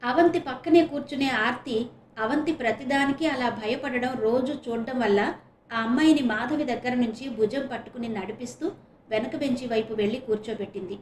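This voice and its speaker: High-voiced woman narrating a novel. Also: normal speed, roomy sound, slight background noise. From Visakhapatnam, India. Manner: expressive storytelling, voices the characters. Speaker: audiobook narrator. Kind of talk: reading a serial novel aloud.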